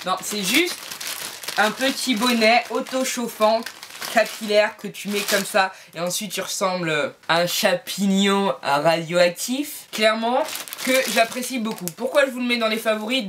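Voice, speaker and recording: A woman's voice: medium pitch, background noise. A woman reviewing beauty products in a casual vlog from home, talking to viewers with playful, jokey asides. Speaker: beauty vlogger.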